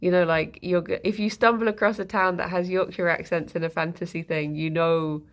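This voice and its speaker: This streamer reads her chat and answers viewers in a loose, rambling, giggly style, laughing a lot as she goes. She speaks briskly, her fairly low voice holding a steady tone.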